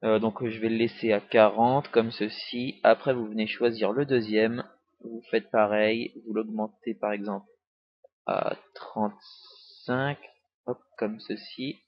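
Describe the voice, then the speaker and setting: A young man giving a casual software tutorial, rambling with many hesitations and small jokes, recorded on a cheap desktop mic. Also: lowish voice, little pitch movement, unhurried. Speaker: tutorial maker. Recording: dry, dull lo-fi home recording.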